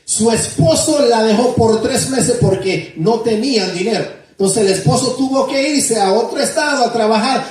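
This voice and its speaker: A male pastor preaching a sermon in a church, emphatic and repetitive, with sudden shouts. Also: very high voice, moderate pace, hardly any pauses, very echoey, distant mic.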